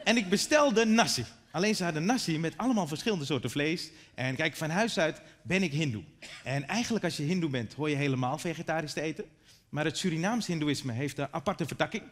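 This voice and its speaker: A man in his thirties doing a stand-up routine on a theater stage into a stage microphone, animated and acting out his relatives. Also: fairly high pitch, brisk. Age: 30s. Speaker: stand-up comedian. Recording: echoey theater hall.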